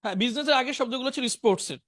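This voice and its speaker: A man teaching spoken English in an online class, briskly drilling words and their meanings. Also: very high-pitched, a bit bright, dry recording, studio quality. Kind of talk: online class lesson, reading word lists.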